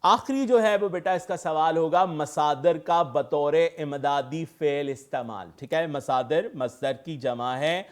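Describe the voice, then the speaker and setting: A man's voice: on the high side, unhurried, few pauses. A man teaching an online exam-prep lecture, patiently explaining and checking in with his students. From Pakistan. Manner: patient, explanatory, calls students "beta", repeats "theek hai".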